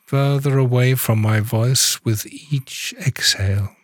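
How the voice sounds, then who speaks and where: Slow, calm male meditation guide. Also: medium pitch, no echo, studio quality. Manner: calm, soft-spoken instructions with long pauses.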